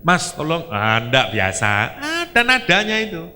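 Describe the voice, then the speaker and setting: A man with an East Javanese accent preaching a sermon, telling the story in a lively way with Javanese and English asides. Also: fairly high pitch, measured pace, long reverb tail.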